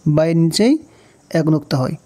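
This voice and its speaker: A man teaching Quran reading slowly names and patiently repeats each letter in a Bangladeshi Bengali accent. His voice is a little high, with a dark tone.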